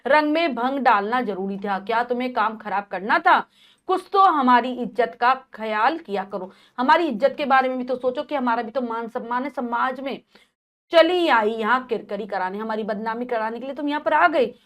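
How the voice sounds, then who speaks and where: A woman's voice: on the high side, normal speed, fairly bright tone, close to an everyday voice. A woman doing an angry scolding nephew. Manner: scolding, harsh. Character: angry, proud middle-aged nephew.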